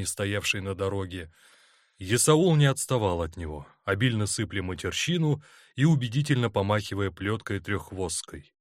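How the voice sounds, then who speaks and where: Male audiobook reader, low voice, animated delivery, dry booth. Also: dry recording. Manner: expressive, dramatic reading. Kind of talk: scripted narration.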